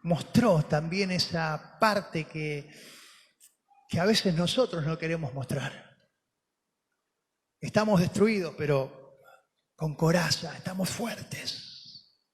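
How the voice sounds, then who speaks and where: A man preaching a sermon as pastor, telling the story dramatically and moving from soft, slow words to emphatic ones. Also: on the high side. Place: church hall. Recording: long hall reverb.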